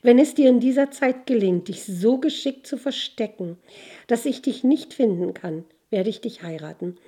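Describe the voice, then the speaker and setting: A woman's voice: on the high side, animated, normal speed, mellow, slightly rough, voice pushed up. Woman voicing a stern, commanding sorceress princess.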